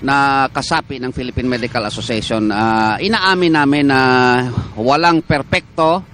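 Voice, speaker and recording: A man with a Filipino accent, a doctor guest on a morning TV show, explaining in a measured way with many "ah" fillers. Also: mid-range voice, fairly bright tone, a little hiss or hum. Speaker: doctor of a medical association, guest. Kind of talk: morning TV interview.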